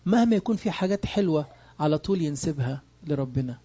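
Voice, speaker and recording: A man's voice: on the high side, expressive, fast talker, warm tone, breathy edge, lo-fi sound. A man with an Egyptian Arabic accent preaching a sermon, emphatic and full of rhetorical questions. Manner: emphatic, asks rhetorical questions and answers them.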